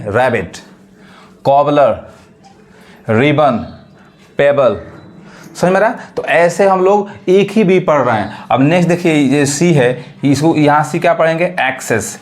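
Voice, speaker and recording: A man teaching English phonics to beginners in a Hindi accent, asking questions and repeating each word slowly. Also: fairly high pitch.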